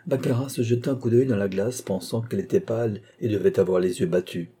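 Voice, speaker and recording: A man reads a classic novel aloud in a measured, literary way. His voice is very low, dark and husky, and he keeps the narration steady. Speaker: audiobook narrator. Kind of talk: scripted narration.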